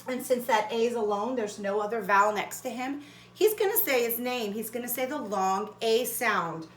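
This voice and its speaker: A woman's voice: fairly high pitch, normal speed, roomy sound. A woman teacher giving a cheerful phonics lesson to young children, sounding out letters and words one by one. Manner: cheerful and encouraging.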